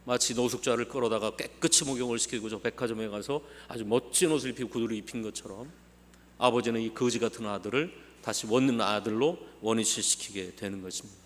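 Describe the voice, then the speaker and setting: A man's voice: on the low side, quick pace. A man preaching a sermon as pastor, telling the story vividly with dramatic voice changes. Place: church sanctuary. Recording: long church hall reverb.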